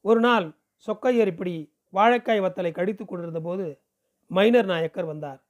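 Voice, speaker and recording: A man from Pondicherry reading a novel aloud in a steady storytelling delivery. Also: sits high, normal speed, lo-fi sound. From Pondicherry, India. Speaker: audiobook reader.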